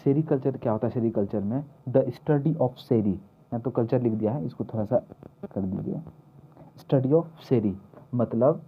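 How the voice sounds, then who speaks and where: Husky male teacher, tinny audio. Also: mid-range voice. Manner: repetitive, asks questions and answers them himself. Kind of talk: mnemonic lesson for exam prep.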